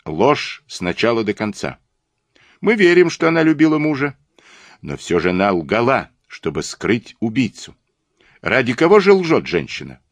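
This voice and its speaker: A man's voice: on the low side, no room sound. A man reading the part of a boastful police detective who argues in a mocking, insistent way.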